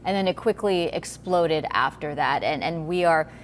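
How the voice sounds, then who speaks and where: A woman's voice: sits low, moderate pace, slight background noise. A female news anchor in a studio, chatting conversationally and personally during live breaking coverage.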